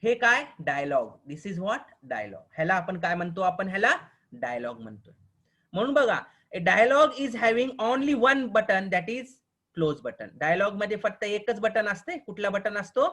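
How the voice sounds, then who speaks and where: Marathi teacher checking that students follow. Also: male voice, high-pitched, big pitch swings, fairly bright tone. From Maharashtra, India. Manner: keeps checking if students understand; mixes slow dictated English with quicker explaining. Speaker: programming teacher. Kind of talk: online classroom lecture.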